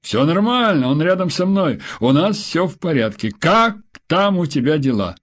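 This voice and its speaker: A man's voice: a little high, big pitch swings, moderate pace, pitched above the performer's own voice. A man reading a cheerful, caring young husband calling home, in a lifted voice.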